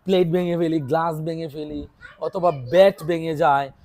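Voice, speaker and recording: A woman's voice: low voice, steady tone, moderate pace, a little mellow, no echo. A woman from Bangladesh teaching English to young children. She quizzes her pupils and repeats each English phrase alongside its Bengali meaning. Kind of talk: classroom teaching. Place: small classroom with children.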